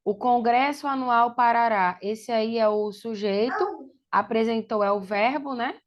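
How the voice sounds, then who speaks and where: A chatty woman student with a fairly high voice, eager in a tutoring session. She thinks out loud as she works through her answers. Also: a little slow, lo-fi sound. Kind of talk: asking questions in a tutoring session.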